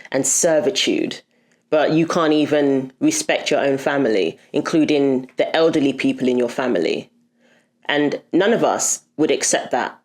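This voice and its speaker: A woman's voice: rumbling low, a little mellow. A woman hosting a commentary video, talking in an indignant, emphatic way. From Britain. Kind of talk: opinionated commentary.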